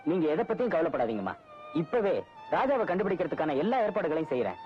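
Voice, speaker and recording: A man's voice: a little high, very animated, fast talker. A man playing an eager, talkative character in an old film, from a muffled soundtrack. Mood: earnest. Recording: dull old film audio with loud music.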